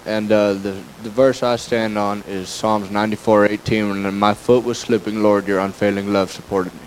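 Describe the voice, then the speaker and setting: An eighteen-year-old man from Seattle, giving a plain, steady introduction. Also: fairly low pitch, normal speed, slight background noise, rough recording. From Seattle, Washington. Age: teens.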